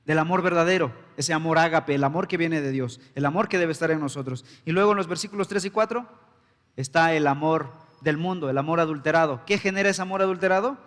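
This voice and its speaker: A male pastor delivers an emphatic sermon, firing rhetorical questions at his congregation. His voice sits a little high for a man. The sound carries a long church-hall reverb. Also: fast, a bit bright. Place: church sanctuary.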